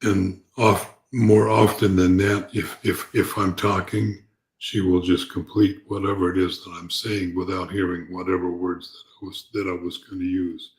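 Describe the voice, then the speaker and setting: A man giving an unscripted spiritual talk as a teacher, calm, gentle and reflective, speaking haltingly and repeating words as he goes. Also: deep voice, low-quality recording.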